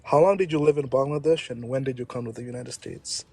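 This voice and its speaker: A man's voice: mid-range voice, fast, mellow, no echo, faint music behind. A man interviewer asking plain, direct questions. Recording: traffic noise outdoors.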